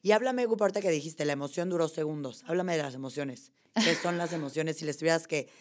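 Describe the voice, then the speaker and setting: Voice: medium pitch, fast. A podcast host in a casual interview, asking curious follow-up questions.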